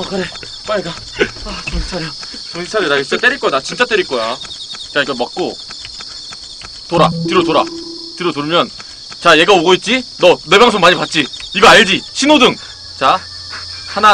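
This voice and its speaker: A young adult male streamer coaching a teammate through a horror game, swinging between gentle reassurance and frantic yelling. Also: high-pitched, expressive, a little fast. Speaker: gaming streamer. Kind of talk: horror game relay commentary. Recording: clear background noise, game ambience with crickets.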